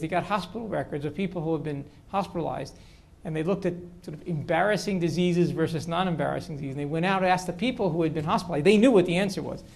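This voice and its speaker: A man's voice: fairly high pitch, gravelly, a little mellow. An older man, a political science professor, answering audience questions at length in a lecture hall, with frequent restarts. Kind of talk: university lecture Q&A.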